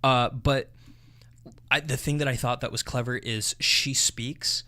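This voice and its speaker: Man, podcast co-host, casual film chat, bright ringing voice, excitable, swears a lot. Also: medium pitch, a little slow. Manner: excitable, profane, swings loud and soft. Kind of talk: casual movie review chat.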